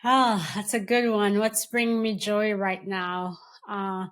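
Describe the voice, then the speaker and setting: A woman in her forties from Kenya, a doctor guesting on a podcast, talking in a relaxed, thoughtful way with many pauses and fillers. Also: medium pitch. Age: 40s. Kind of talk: casual interview chat.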